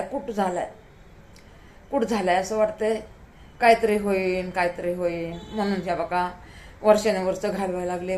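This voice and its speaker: A tired woman speaks straight to her viewers, pleading and heartfelt. She repeats her words as she goes, and her voice sits at an ordinary middle pitch. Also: a little mellow, slight background noise. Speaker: YouTuber. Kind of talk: emotional talk to camera.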